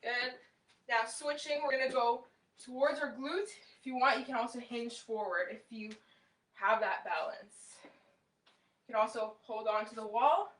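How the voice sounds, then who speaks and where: A young woman fitness instructor with a bright, higher-pitched voice, cueing moves and encouraging her class as she exercises. She is recorded from across a small, echoey room at home. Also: steady tone, unhurried. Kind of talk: live home workout class instruction, counting reps. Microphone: far camera across the room. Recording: roomy echo, distant camera mic.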